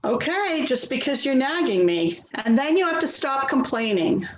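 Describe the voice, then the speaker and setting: In a readers theater play, a woman actor voices an impatient, defensive grown daughter who comes across as exasperated and dismissive. Her voice is high and sing-song at a normal speed, recorded with roomy echo and slight background noise.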